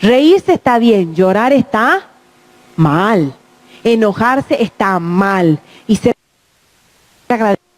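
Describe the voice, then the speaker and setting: A woman's voice: mid-range voice, lively intonation, slow pace, long pauses. A middle-aged woman talks to parents about protecting children and keeps checking in with her listeners. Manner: acts out children's and adults' voices in quoted speech; checks in with the audience with "¿mm?". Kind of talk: talk to parents.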